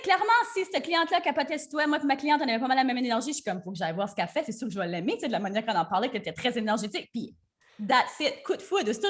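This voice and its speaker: A woman's voice: high-pitched, a bit bright. A woman hosting a podcast, chatty and enthusiastic, mixing in English words. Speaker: podcast host. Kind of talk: casual interview chat.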